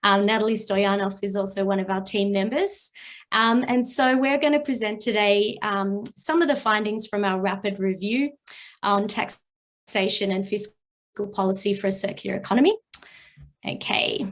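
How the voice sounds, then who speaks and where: A woman who is a research director, briskly presenting study findings at an online event, with a frequent "um". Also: medium pitch.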